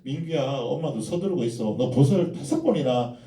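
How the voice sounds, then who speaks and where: A man's voice: medium pitch, expressive, moderate pace, warm tone, recorded from a distance, close to an everyday voice. A man voicing a tired mother who scolds her impatient son. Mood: exasperated. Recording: echoey church hall from afar.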